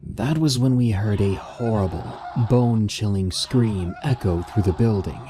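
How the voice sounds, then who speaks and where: A man narrating a horror story in a measured storytelling style. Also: on the low side, dark tone, slight background noise.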